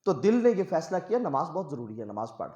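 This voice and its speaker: Brief: male preacher, higher-pitched voice, emphatic storytelling sermon, echoey room. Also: very animated, lo-fi sound. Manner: emphatic, swells loud on key phrases.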